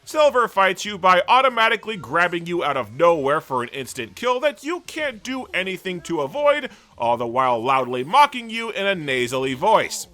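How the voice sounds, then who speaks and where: A man's voice: sits high, sing-song, normal speed, hardly any pauses, pushed and bright. A man narrating a scripted video game review, sarcastic and ranting, with frequent swearing. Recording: voice-over with faint music.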